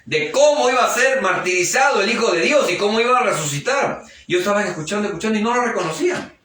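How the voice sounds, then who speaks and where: A fervent male pastor preaches in a church hall, his fairly high voice ringing back off the walls. He is caught from some distance by the microphone, with a faint hum of ambience underneath. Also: expressive, quick pace, a bit bright. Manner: fervent, keeps interjecting praise and calling the listener brother. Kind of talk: live church sermon. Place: church hall during a service. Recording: echoey church hall, picked up from afar.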